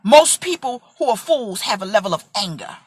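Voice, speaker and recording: A woman's voice: medium pitch, very animated, moderate pace, slightly rough, dry recording. A woman in her forties from Brooklyn, preaching in an impassioned, emphatic way and acting out voices in a vlog sermon. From Brooklyn, USA. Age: 40s.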